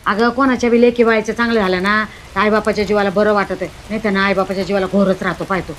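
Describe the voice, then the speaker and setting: A woman's voice: mid-range voice, fairly even intonation, quick pace, a little hiss or hum, low-quality recording. A woman playing a concerned aunt in a village sketch. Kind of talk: village comedy sketch acting.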